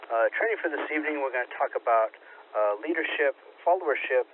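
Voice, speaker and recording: A man's voice: medium pitch, quick pace. A man giving a radio-room net control call, tinny with static. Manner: steady, instructional, procedural. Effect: amateur radio transmission with static. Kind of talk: radio training net instruction.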